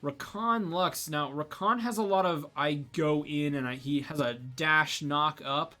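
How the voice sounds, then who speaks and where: A man's voice: on the high side, unhurried, bright, forceful tone. A young man casting a college esports match in casual, rambling commentary, sleepy and yawning, with lots of fillers and restarts. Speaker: esports caster.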